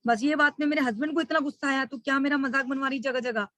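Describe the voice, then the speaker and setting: A woman's voice: high-pitched, fairly even intonation, fast, fairly bright tone, no room sound. A middle-aged woman giving a motivational webinar talk, telling her story with emotion and speaking straight to her listeners as friends.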